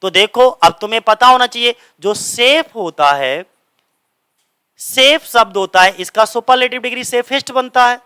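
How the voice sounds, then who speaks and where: A young man teaching English grammar for exam prep, explaining step by step, asking and answering his own questions, and reading the English examples slowly. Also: very high voice, expressive, bright, forceful tone, smooth, no echo. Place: coaching centre classroom.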